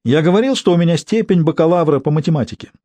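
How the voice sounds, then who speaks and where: A man's voice: on the high side, expressive, fast, mellow, no room sound, voice pushed up. A man reading an audiobook, voicing a lecherous man who talks in an insinuating, pushy way.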